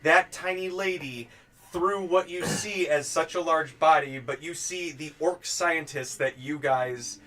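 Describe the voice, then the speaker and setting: A man's voice: a little high, unhurried, a bit bright. A man narrating as game master of a tabletop game, chatty and laughing, with spoken sound effects.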